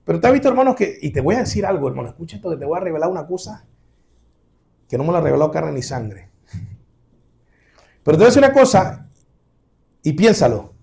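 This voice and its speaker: Emphatic high-voiced preacher with gravelly edge. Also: male voice, expressive, rapid-fire. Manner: emphatic preaching, swinging between loud exclamations and low asides; addresses listeners directly as brothers, asking rhetorical questions. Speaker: pastor. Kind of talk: sermon.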